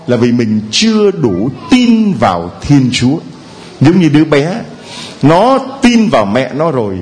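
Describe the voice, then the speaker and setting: Lively, playful male priest preaching. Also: a little high. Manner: playful and humorous, acting out quoted voices. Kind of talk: sermon to a congregation.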